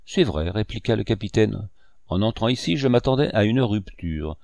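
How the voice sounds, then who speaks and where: A man's voice: fairly low pitch, expressive, moderate pace, creaky, a little mellow, no room sound. A man reading an audiobook, voicing a blunt male ship captain who speaks formally and firmly. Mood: stern. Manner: formal, firm, clipped.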